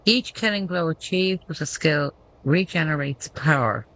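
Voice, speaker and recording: A woman's voice: low-pitched, normal speed, fairly bright tone, slight background noise, low-quality recording. A woman giving casual gameplay commentary, thinking aloud and reading menu text out as she goes.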